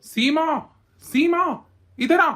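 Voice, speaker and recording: A woman's voice: mid-range voice, lively intonation, brisk, slight background noise, natural voice. Woman voicing an angry young husband. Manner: shouting, bossy. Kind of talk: animated cartoon voice acting.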